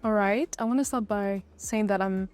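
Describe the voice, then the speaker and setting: A woman's voice: mid-range voice, moderate pace, darkish tone, clear, resonant tone, faint music behind. A young woman born in Zimbabwe and raised in South Africa, chatting openly as a podcast guest about growing up. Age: young adult. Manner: open and chatty, some restarts. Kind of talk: casual personal storytelling.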